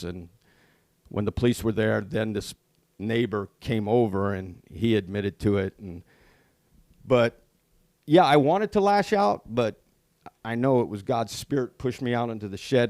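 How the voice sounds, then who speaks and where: A man's voice: lowish voice, darkish tone, dry recording, clean studio sound. A middle-aged man co-hosting a podcast in casual chat, telling stories earnestly about his faith. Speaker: podcast co-host.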